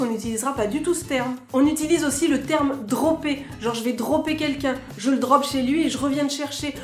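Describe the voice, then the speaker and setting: A woman from France, a vlogger, chatting casually to camera in a lively, self-mocking way. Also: sits high. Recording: echoey room, faint music.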